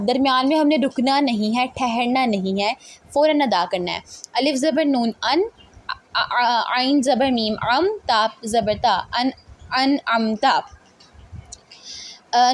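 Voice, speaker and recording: A woman teaching Quran recitation rules, patiently spelling out letters and syllables one at a time. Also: fairly high pitch. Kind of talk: step-by-step tajweed lesson.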